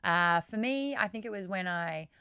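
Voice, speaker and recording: A woman's voice: lowish voice, expressive, moderate pace, bright, forceful tone. A woman, co-hosting a podcast in casual, teasing chat. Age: 30s. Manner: teasing, playful. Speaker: podcast co-host.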